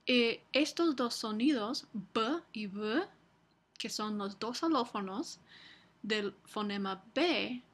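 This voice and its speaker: A woman university lecturer giving a recorded lecture, explaining slowly with frequent fillers and restarts. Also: a little high, lively intonation, a bit bright.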